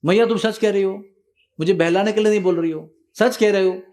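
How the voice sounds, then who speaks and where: A man's voice: sits high, fairly quick, a little mellow, pitched above the performer's own voice, close to an everyday voice. A man voicing young Krishna as a small boy, tearful and pleading with his mother, in a storytelling sermon.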